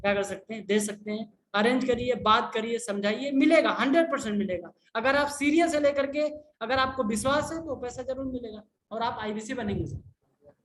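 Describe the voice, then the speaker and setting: A man, a business consultant, answering viewer questions in an insistent, repetitive sales pitch and often calling the listener sir. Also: moderate pace, a bit bright. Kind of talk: persuasive sales talk in a live Q&A. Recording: echoey room with faint noise.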